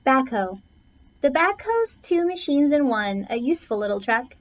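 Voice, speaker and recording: With big pitch swings in a high-sitting voice, a woman reads a rhyming children's picture book at a moderate pace. Her phrasing is theatrical, stretching and punching key words, and the recording has a dull, lo-fi quality.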